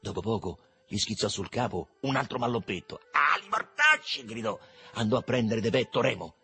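Husky man reading a novel aloud. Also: on the low side, brisk. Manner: expressive, animated. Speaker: narrator.

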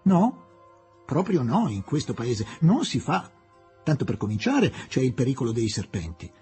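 A man reading an audiobook and voicing a young English official who speaks curtly, hoarsely and domineeringly. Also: medium pitch, sing-song, normal speed, dark tone, soft background music. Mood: indignant.

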